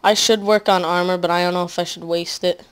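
A woman giving casual let's-play commentary at home, rambling with lots of fillers and often trailing off quietly. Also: lowish voice, steady tone, brisk, a little hiss or hum. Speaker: gaming commentator.

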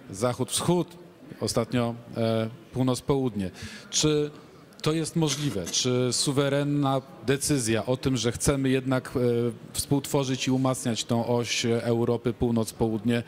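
A man moderating a conference panel, talking conversationally and posing questions into a handheld mic. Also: mid-range voice.

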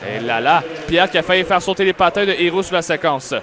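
A man with a Quebec French accent giving excited play-by-play hockey commentary, with animated, exclamatory calls. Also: a little high, fast, a crowd in the background. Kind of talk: excited live sports commentary. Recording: clearly noisy live arena commentary. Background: ice rink ambience.

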